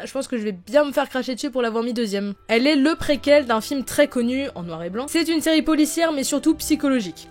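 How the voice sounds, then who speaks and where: Excited woman ranking her favorite series. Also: high voice. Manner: enthusiastic and opinionated, with frequent restarts. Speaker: YouTuber. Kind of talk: casual video review.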